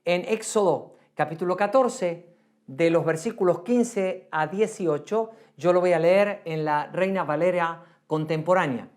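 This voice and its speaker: A woman's voice: lowish voice, measured pace, darkish tone. A woman preaching a sermon, earnest and repetitive, asking rhetorical questions of the congregation.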